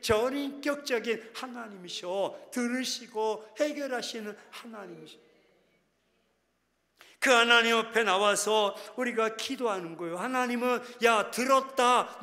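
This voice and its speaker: A man with a high-pitched voice preaches in a loose, conversational way, teasing his listeners. He swings into fervent, dramatic prayer voices as examples. His words ring out with a long reverb in a large prayer hall. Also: sharp tone. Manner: conversational preaching, teasing the congregation, rising to impassioned acted prayers. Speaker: pastor. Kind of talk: sermon.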